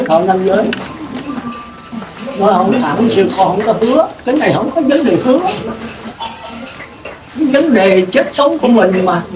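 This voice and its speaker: A Buddhist monk giving a sermon in a plain-spoken way, putting questions to his listeners. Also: sits high. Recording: roomy, distant mic with clear noise.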